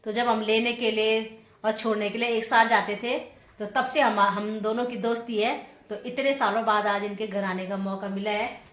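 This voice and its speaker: A woman's voice: mid-range voice, little pitch movement, moderate pace, fairly bright tone. A woman vlogging casually on a handheld phone, chatty and laughing often as she visits old friends. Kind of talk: casual vlog narration. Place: walking around a neighbourhood, indoors and out.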